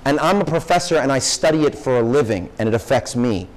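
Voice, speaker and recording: A young man, a professor, giving a conversational classroom lecture to high school students and peppering them with questions. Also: lively intonation, fast, rough recording. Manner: conversational, asks the audience lots of questions. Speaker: guest speaker, professor.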